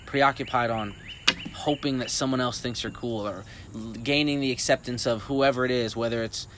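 A man's voice: mid-range voice, fairly even intonation, normal speed, fairly bright tone, slight background noise. A man hosting a casual podcast chat, easygoing and asking probing questions. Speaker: podcast host.

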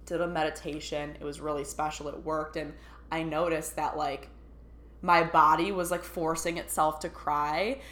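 A young woman in her twenties telling a personal story in a chatty, excitable way, full of fillers. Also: sits low, normal speed. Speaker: vlogger. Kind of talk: casual storytelling.

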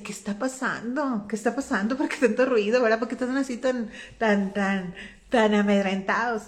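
A woman with a fairly high voice teaches from the Bible in a relaxed, conversational way. She retells the story in her own words, keeps checking in with the listener and gives the people in it little quoted voices. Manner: folksy, constantly adds "¿verdad?".

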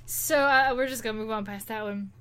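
This podcast co-host has a slightly high, bright and smooth voice, and she talks at a brisk clip. She chats casually, retelling stories in a loose, rambling, conversational way.

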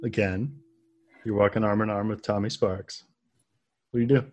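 A man narrating a tabletop game as game master, relaxed and playful. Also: fairly low pitch, moderate pace.

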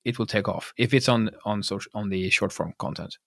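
A man hosting a podcast, giving quick, animated, chatty advice. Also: on the low side, gravelly, dry recording, studio quality. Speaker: podcast host. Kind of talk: casual podcast interview.

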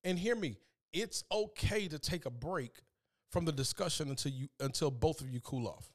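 Earnest preaching man, slightly high voice. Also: normal speed. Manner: earnest, preachy, repeats words when fired up. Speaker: podcast host. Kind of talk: faith-based motivational monologue.

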